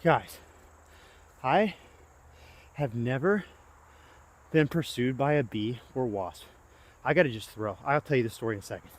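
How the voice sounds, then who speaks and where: A young man chats his way around an outdoor disc golf course, breathless and worn out from playing. His voice sits in a middle pitch and leaps up into excited yelps whenever a throw flies. The talk stays loose and casual. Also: a little slow, long pauses. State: winded and tired. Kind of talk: casual play-by-play commentary.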